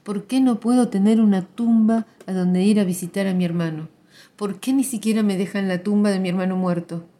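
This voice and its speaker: The dead man's aggrieved sister, read by a woman, pleading with her voice raised. Her tone stays dark and mellow. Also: medium pitch, steady tone, fairly quick, close to an everyday voice.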